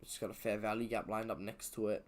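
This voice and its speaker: With slight background noise, a fairly low, steady-voiced man talks fast as he streams his trading session from home. He drifts through his chart thinking aloud, full of fillers and self-corrections, yawning and a little sleepy.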